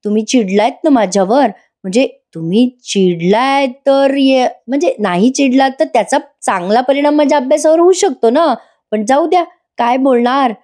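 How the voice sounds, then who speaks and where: A woman reading the lines of a playful, pouting young wife and student in a mellow, fairly high voice. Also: normal speed, close to an everyday voice. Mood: sulky playful. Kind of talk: reading a character's lines in a TV review.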